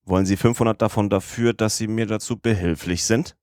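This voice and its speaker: A sly detective presses his case in a low, insistent tone, as a man reads him. The voice is deep and the recording dry and close. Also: fairly even intonation, brisk, a little mellow, no echo, natural voice. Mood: coaxing. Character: crafty English police detective, middle-aged man, persuasive.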